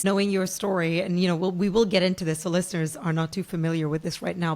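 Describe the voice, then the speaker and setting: A woman hosting an interview podcast, asking gentle, measured questions. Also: fairly low pitch. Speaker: podcast host.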